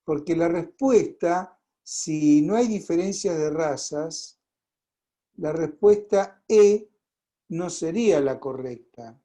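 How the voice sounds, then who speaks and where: An Argentine man lecturing a class on pharmacology over a video call, conversational, filling pauses and checking in with the class. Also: on the high side, lively intonation, warm tone, low-quality recording. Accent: Argentine Spanish.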